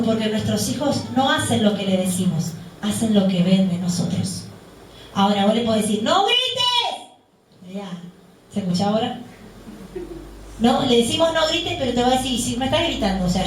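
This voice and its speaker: A woman's voice: on the high side, slight background noise. A woman deaconess preaching a sermon, often asking the congregation questions and answering them herself. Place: church hall. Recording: very echoey hall, voice picked up from a distance.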